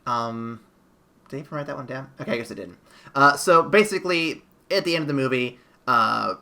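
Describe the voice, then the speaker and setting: A man's voice: mid-range voice, a little fast, gravelly, sharp tone. A man hosting a podcast, reviewing a movie in casual chat and rambling through restarts and fillers. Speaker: podcast host.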